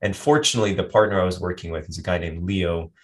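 A low-pitched, fast-talking American man, a health and performance coach from the United States, is the guest here. He answers interview questions thoughtfully but ramblingly, often restarting and wandering into asides.

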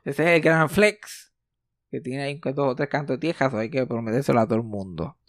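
A man's voice: mid-range voice, brisk, dry recording, clean studio sound. A young man with a Puerto Rican accent, telling a joking family anecdote in a casual chat. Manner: animated, joking, tumbling anecdotes.

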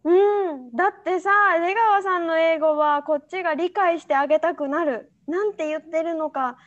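A young woman with a high voice chats casually as a podcast co-host, telling animated stories and laughing often. The sound is dull and lo-fi. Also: normal speed. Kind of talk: casual chat.

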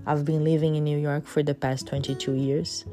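A middle-aged Brazilian woman, a native Portuguese speaker with a Brazilian accent, hosts her podcast and shares a personal story. Her voice sits low with a flat delivery, and faint music plays behind her. She's earnest but halting, full of fillers and soft laughs.

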